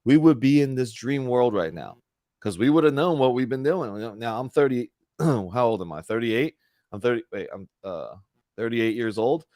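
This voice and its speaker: A man's voice: mid-range voice, lively intonation, moderate pace, darkish tone, dry recording. A man in his thirties leads a casual spiritual talk over a video call. He is earnest and chatty and restarts his sentences as he thinks aloud. His voice sits in the middle range and sounds dry and close to the mic. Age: 30s. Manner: earnest, chatty, with frequent self-corrections. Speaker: spiritual group host.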